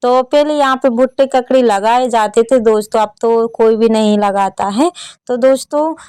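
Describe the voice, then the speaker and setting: Chatty Indian woman vlogger, smooth voice. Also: fairly high pitch, moderate pace, mellow, no room sound. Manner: chatty, addresses viewers as friends. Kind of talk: casual vlog narration. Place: rural home with farmyard.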